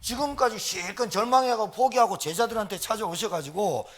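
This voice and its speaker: A man's voice: high-pitched, a little fast, fairly bright tone. A middle-aged man, preaching a sermon as pastor with emphatic rhetorical questions.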